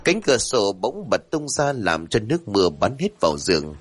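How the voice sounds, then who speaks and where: A man narrating a horror story in a suspenseful, measured way. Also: fairly low pitch, very animated, slight background noise.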